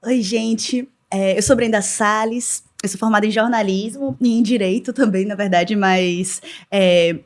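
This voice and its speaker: A woman, a journalist guest on a podcast, speaking in a measured, articulate way. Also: mid-range voice. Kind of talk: casual interview chat.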